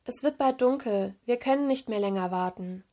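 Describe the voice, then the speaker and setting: A woman doing a brisk older mermaid sister. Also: a little high, warm tone, close to an everyday voice. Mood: urging.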